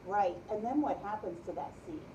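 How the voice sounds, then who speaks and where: This is a woman teacher reading to a preschool class in storytime style, stopping for questions and affirming what the pupils say by repeating it. Her medium-pitched delivery is expressive and a little fast. A distant microphone captures her in a roomy space, with lo-fi quality and a noisy background.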